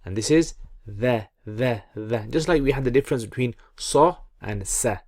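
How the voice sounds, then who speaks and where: A man teaching pronunciation in a call-and-repeat lesson, encouraging and deliberate as he repeats sounds for learners. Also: mid-range voice, animated, darkish tone, breathy edge, no room sound, studio quality. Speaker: Quran reading teacher.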